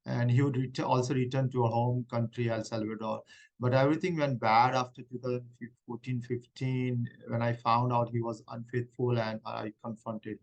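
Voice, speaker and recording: Guy playing a woman claimant in a mock hearing role-play, halting, lots of restarts, steady mid voice. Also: medium pitch, highs cut off, natural voice. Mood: earnest. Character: middle-aged woman refugee claimant, distressed.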